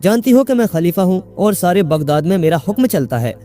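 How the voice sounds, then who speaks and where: A man's voice: high voice, animated, fairly quick, faint music behind. A man reading a story, voicing an angry young man who insists he is the caliph and barks orders. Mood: imperious. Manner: commanding, shouting, indignant.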